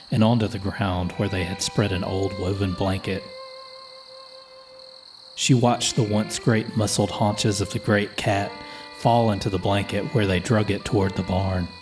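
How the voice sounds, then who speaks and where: A man reading a folklore horror story as a slow, measured, solemn scripted narration. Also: on the low side. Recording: music playing under the voice.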